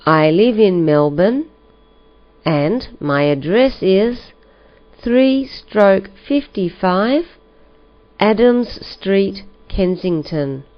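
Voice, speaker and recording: Female reader for a learners' listening test; very slow, careful delivery on a muffled lo-fi recording. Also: mid-range voice, lively intonation. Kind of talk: slow scripted reading for learners. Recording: dull lo-fi recording.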